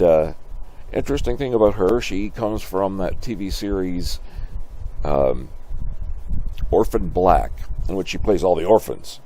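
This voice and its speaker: An older man giving halting, musing, off-the-cuff commentary in a grandpa voice, as host of a reaction video. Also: deep voice, dark tone. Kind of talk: casual off-the-cuff trailer commentary. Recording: slight background noise.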